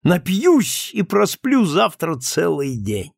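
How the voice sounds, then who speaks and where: A maudlin drunk man pours out his heart in an emphatic, swinging voice with a gravelly edge, as a male reader puts him on. He pleads and boasts by turns in an audiobook reading. The sound is close and dry. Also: high-pitched, huge pitch swings, takes it slowly, no echo, voice pushed up, exaggerated voice. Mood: maudlin, boastful. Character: drunken, self-pitying male friend confessing.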